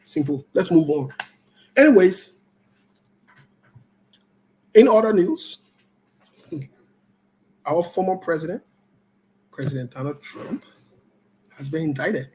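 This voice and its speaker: Running live commentary on his online political show, a man scolds viewers in a blunt, loose, conversational way, alternating loud outbursts with quieter remarks. His intonation is lively, but he takes things slowly with long pauses. The recording is rough.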